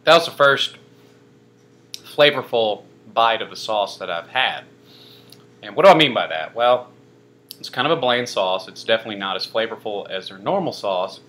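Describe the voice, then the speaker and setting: A man's voice: fairly low pitch, a bit bright, a little hiss or hum. A young man casually reviewing a pizza on camera, rambling with lots of fillers and dry self-mocking asides. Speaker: food reviewer. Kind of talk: casual food review vlog.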